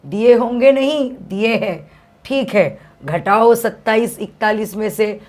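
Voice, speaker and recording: A woman reading out a stern stingy master of the house, lecturing, counting money out slowly, read aloud from a story in class. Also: fairly high pitch, a little mellow. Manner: lecturing, drawn-out reckoning of money.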